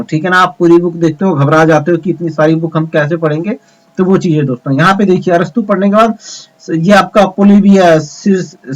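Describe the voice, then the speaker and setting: A man teaching an exam preparation lesson, repeating points and asking his students rhetorical questions. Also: a little high. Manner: repetitive, addresses students as friends, rhetorical questions. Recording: dull lo-fi sound.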